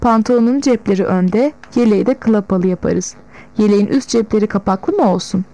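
A woman reading an audiobook, voicing a gruff, bossy old male village tailor who snaps at everyone. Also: medium pitch, a little fast, warm tone, lightly acted, rough recording. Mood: businesslike. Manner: bossy, snapping.

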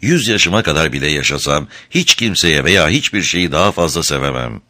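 A soft-spoken, lovesick young woman from a storybook, whispering her words as if near tears, as a deep-voiced man puts her on. The voice stays low, with a bright edge and a lively lilt. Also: brisk, heavily acted. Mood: tender.

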